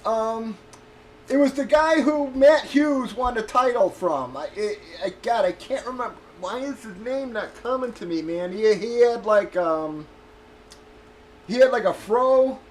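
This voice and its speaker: A man's voice: extremely high pitch, animated, measured pace, slight background noise. A man streaming casually, telling a rambling, profane story and stalling as he gropes for names. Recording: echoey room with faint ambience.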